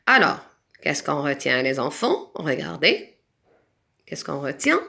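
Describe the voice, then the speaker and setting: Slow, lively Moroccan woman teacher. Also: low voice, vocal fry. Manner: slow, patient, sing-song, stretches out example words. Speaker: primary school French teacher. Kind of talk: remote lesson for children.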